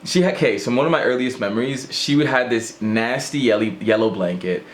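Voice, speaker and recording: A man's voice: medium pitch, fairly quick. A man vlogging in a casual rant to camera, rambling and self-mocking as he jumps between thoughts.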